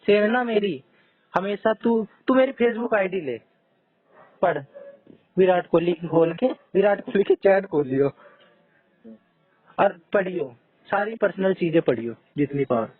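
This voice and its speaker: A man's voice: sits high, measured pace, long pauses, no echo. Frustrated rambling man, tinny sound. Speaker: podcast co-host. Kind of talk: casual chat. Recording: tinny phone-like sound with faint music.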